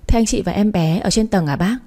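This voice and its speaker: A woman reading the part of a young mistress, politely deferential but defiant, in a mellow, dark voice. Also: mid-range voice, fairly quick, natural voice.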